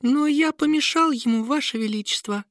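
A greedy sly court adviser, sing-song falsetto way up high, storybook. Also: male voice, moderate pace, fairly bright tone, no room sound, studio quality. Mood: sugary. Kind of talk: audiobook character voice.

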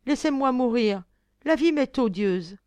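A woman's voice: medium pitch, lively intonation, normal speed, darkish tone, dry recording, lightly acted. A woman voicing an earnest young fairy-tale princess who pleads with emotion. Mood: pleading.

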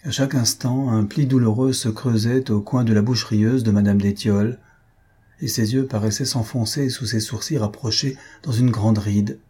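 A man reading a classic novel aloud in a measured, even storytelling manner. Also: on the low side, slightly rough. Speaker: audiobook reader. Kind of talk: scripted narration of a novel.

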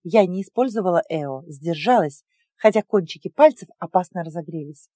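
Audiobook narrator: woman, first-person, expressive, mellow, dry close recording. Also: fairly low pitch, normal speed, dry recording. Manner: expressive, emotional storytelling.

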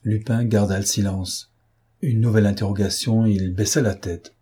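A man reading a novel aloud as an audiobook narrator, in a measured, even storytelling manner. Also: lowish voice, husky.

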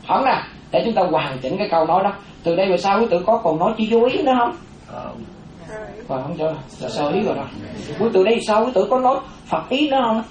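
A Buddhist monastic woman, giving a lively dharma talk and often asking the audience questions. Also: mid-range voice, quick pace, a crowd in the background. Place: hall with a seated audience. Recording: roomy, dull sound with faint audience.

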